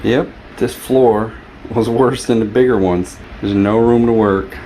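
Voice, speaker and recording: Home repairs get folksy, offhand vlog commentary from a man whose voice is fairly low, steady in tone, and a little slow. His short, casual remarks come through noisy handheld camera audio with a hum underneath.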